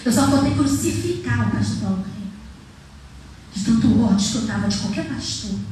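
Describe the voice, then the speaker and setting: A woman missionary preacher, telling her testimony in a sermon, acting out the dialogue and moving from soft to loud. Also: fairly high pitch, expressive, a little fast, slight background noise. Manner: emotional storytelling, acts out dialogue, swings from soft to loud. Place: church hall. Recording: echoey church hall from far off.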